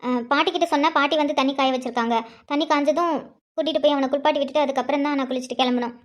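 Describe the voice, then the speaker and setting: A woman voicing a young wife and new mother in a cartoon, quick to anger and scolding her husband. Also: sits high, fairly even intonation, lightly acted. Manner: snappy, scolding. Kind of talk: cartoon voice acting.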